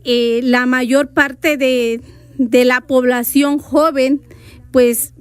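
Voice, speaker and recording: Invitada de radio, mujer de lengua materna zoque, voz aguda y seca, explica con paciencia. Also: female voice, high voice, steady tone, very slow, smooth, dry recording. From Veracruz, Mexico. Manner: patient, repeats and spells out words. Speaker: radio guest, Zoque speaker. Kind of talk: radio interview, explaining writing rules.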